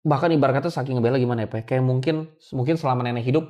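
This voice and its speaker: A young guest tells an interviewer a painful personal story, emotionally and often calling him "Pak" as a respectful "sir." His medium-pitched voice is a little mellow and his delivery rapid-fire.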